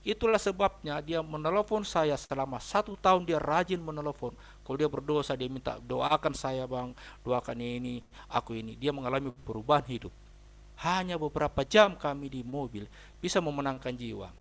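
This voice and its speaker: Speaking a little fast in a somewhat high, fairly bright voice, a male pastor delivers a sermon built around a personal story. His delivery is emphatic, and he keeps addressing the congregation directly as brothers and sisters.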